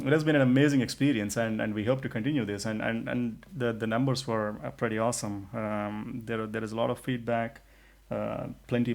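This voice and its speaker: Chatting casually as a podcast co-host, a man speaks in a lowish, slightly mellow voice with vocal fry. He restarts often and uses plenty of fillers.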